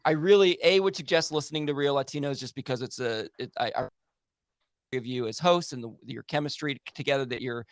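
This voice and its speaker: Man, podcast host, eager rambling chatter, mid-pitched, dry close sound. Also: fairly quick, no echo. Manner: enthusiastic, rambling. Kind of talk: casual podcast chat.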